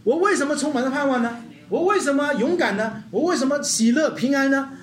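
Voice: high voice, lively intonation, a little fast. A pastor preaching with emphatic rhetorical questions and calls for the congregation to repeat after them. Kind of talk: sermon. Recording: roomy hall sound with faint guitar.

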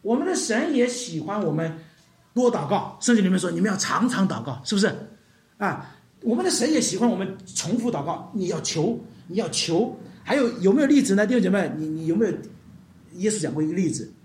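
A man preaching a sermon to his congregation, animated and addressing them directly, acting out the people he describes. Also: sits high, brisk. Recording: roomy hall echo.

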